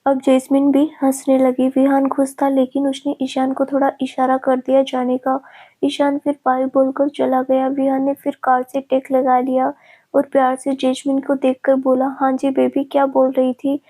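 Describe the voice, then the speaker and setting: A woman narrating a family love story in a steady, even reading. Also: high voice, normal speed.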